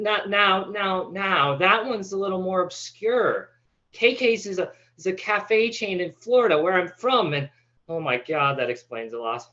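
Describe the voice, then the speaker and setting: A man acts out a floundering young stand-up comic with a high, bright voice. He goes slowly, halting and stammering nervously through the monologue. The sound is slightly dull and lo-fi. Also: heavily acted.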